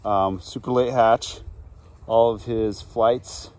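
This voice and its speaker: Slow low-voiced man outdoors. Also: fairly even intonation, a little mellow. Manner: unhurried, matter-of-fact, with frequent ums. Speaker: pigeon breeder. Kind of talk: casual show-and-tell. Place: backyard outdoors. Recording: faint outdoor background noise.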